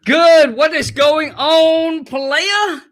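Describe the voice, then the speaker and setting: A man's voice: very high voice, extremely slow, a bit bright. A man from Vietnam, a guest talking in a casual, slangy, earnest way over a video call. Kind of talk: casual interview storytelling.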